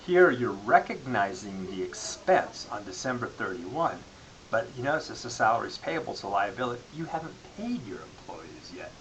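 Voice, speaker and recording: Male lecturer, lowish voice, explanatory delivery with repeated phrases, hissy recording. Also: sing-song, moderate pace, fairly bright tone, low-quality recording. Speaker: accounting lecturer. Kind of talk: classroom-style lecture. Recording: clearly audible background hiss.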